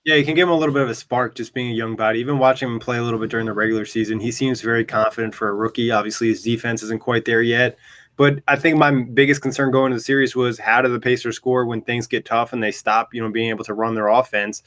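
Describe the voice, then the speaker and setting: A man in a casual sports chat, talking in an animated way as he argues his points. He playfully scolds now and then. His voice is mid-range and even. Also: medium pitch, fast. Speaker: co-host.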